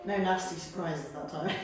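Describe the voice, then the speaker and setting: A woman teaching a guided yoga class, cueing each move on the breath in an encouraging way, at times a little out of breath. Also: fairly low pitch. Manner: encouraging, cueing moves on the breath with light laughs. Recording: very echoey room, mic from far off. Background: soft piano music.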